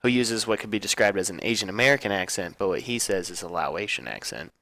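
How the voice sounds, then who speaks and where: A man's voice: on the low side, fast talker, gravelly, bright, forceful tone, no room sound, poor audio. A young man presenting a class video essay, reading aloud plainly with small slips and fillers. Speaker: student presenter.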